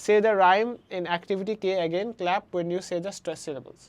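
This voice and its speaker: Teaching primary English over the internet, a woman from Bangladesh alternates Bangla and English and reads each example sentence slowly. She speaks with a fairly low pitch and a darkish tone.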